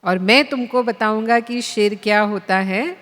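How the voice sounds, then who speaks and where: A woman's voice: mid-range voice, unhurried, a bit bright, close to an everyday voice. A woman voicing a grown male lion, a kind and patient teacher who speaks firmly and coaxingly to a cub. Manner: firm, coaxing. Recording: long hall reverb.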